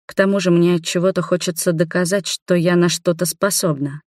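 A woman calmly narrating a first-person audiobook on a close mic. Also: lowish voice, brisk, no echo. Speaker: audiobook reader.

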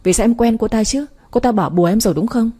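Woman reading harsh older sister, scolding, sharp, mellow tone, husky. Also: a little high, fast talker, close to an everyday voice. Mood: angry. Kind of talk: storybook reading.

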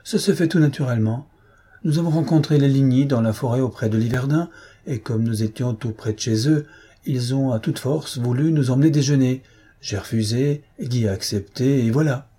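A man voicing a lively, candid young wife in a read-aloud novel, raising his voice for her. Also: medium pitch, moderate pace, slightly rough, natural voice. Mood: earnest.

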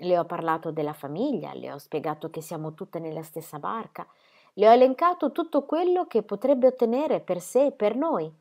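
A woman's voice: lowish voice, moderate pace. Woman reader as an older grandmother, placid, lamenting, anxious. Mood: plaintive. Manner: calm, plaintive.

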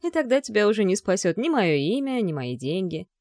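A woman's voice: mid-range voice, very animated, a little fast, darkish tone, no echo, natural voice. A cold, scornful father growls and sneers in a harsh, mocking way, as a woman narrator puts him on. The audiobook reading is recorded dry and close, with no room sound. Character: menacing, scornful rich older father, a man.

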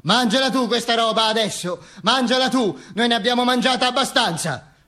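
A man voicing a furious crowd in a solo stage monologue, chanting and jeering in loud mocking shouts. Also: very high-pitched, a little fast, pitched above the performer's own voice.

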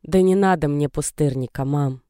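A man's voice: moderate pace, dark tone, dry recording, studio quality, lightly acted. A man voicing a touchy pregnant teen girl. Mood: flat. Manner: defensive, pleading, rises to shrill. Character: nervy pregnant teenage girl.

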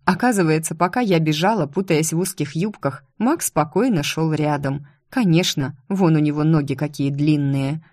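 A woman narrating a first-person audiobook in a steady, expressive reading. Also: low-pitched, moderate pace, few pauses, dry recording, studio quality.

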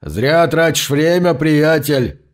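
A man voicing a huge, gruff fat man who grumbles and schemes, in an audiobook reading. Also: a little high, expressive, slow pace, pitched above the performer's own voice.

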